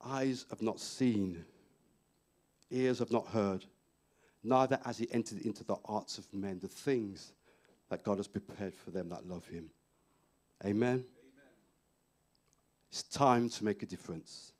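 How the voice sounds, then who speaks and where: A man's voice: on the low side, measured pace, pauses often, darkish tone. A male pastor preaching on a church stage, emphatic and repeating key phrases. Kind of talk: sermon.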